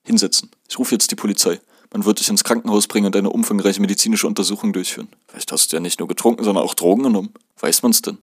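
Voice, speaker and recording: A strict middle-aged dormitory guard barking orders, as a man reads her part. She speaks in a commanding, no-nonsense way. The voice sits fairly low and the recording is dry and close. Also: steady tone, racing, few pauses, no room sound, natural voice.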